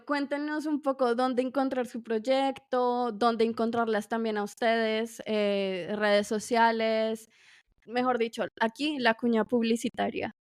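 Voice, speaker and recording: A woman's voice: a little high, flat delivery, unhurried, clean tone, no echo, clean studio sound. A woman hosting an interview, reflective and asking her guests questions. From Colombia. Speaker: interviewer and host. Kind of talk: casual interview.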